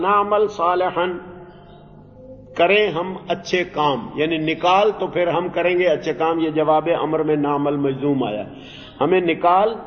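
A man teaching Quranic Arabic grammar, reciting verses slowly and then explaining them in translation. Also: high-pitched. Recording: dull lo-fi recording in a reverberant hall.

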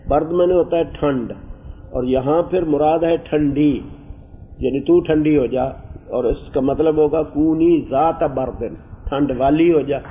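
A man teaching a class on Quranic Arabic. He explains the grammar at length, wanders off topic, and recites verses slowly. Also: medium pitch. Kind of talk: classroom lecture on scripture and grammar. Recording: muffled lo-fi classroom recording with faint hiss.

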